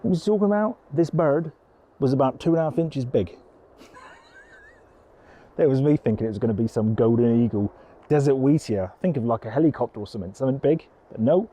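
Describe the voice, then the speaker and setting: A man's voice: mid-range voice, fairly quick, warm tone. A man chatting casually as a landscape photographer, rambling in a down-to-earth way while outdoors on a coastal headland. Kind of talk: casual vlog chat.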